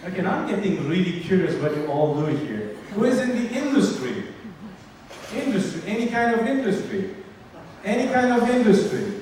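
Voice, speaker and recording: A man in his forties from Sicily with an Italian accent, giving a lively, interactive conference keynote and polling the audience. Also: high-pitched. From Sicily, Italy. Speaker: keynote speaker. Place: large hall with an audience. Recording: echoey hall, distant mic, faint noise.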